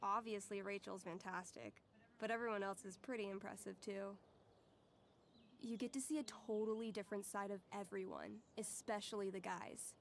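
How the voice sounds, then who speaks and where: A woman's voice: medium pitch, fairly even intonation, moderate pace, slight background noise, close to an everyday voice. A woman voicing a candid, geeky teenage schoolgirl in a video game, chatting in a friendly, casual way. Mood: enthusiastic.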